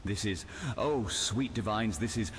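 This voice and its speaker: A man voicing a flustered video game adventurer cursed with a deep, swallowed, troll-like voice, speaking haltingly. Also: in a large hall, a little hiss or hum, natural voice. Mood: flustered, appalled. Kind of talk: scripted video game dialogue.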